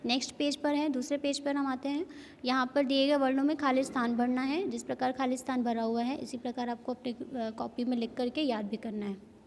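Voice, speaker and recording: A woman teaching a primary school Hindi lesson, slowly spelling out syllables and repeating words. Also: high voice, steady tone, a little mellow, in a large hall, a little hiss or hum. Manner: slow, repetitive, spells out syllables. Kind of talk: classroom lesson.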